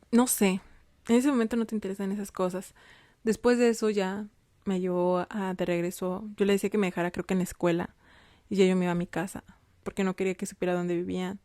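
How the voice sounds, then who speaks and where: A woman's voice: medium pitch, mellow, no room sound. A young adult woman, telling her own story to viewers in a casual, confiding way and often checking in with them. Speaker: vlogger.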